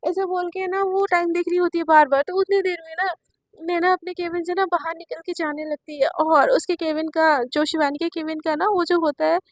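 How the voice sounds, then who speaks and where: A woman's voice: very high voice, fairly even intonation, a little fast, dry recording. A woman narrating a romance story in a chatty, casual storytelling manner with many fillers. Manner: chatty, filler-heavy retelling.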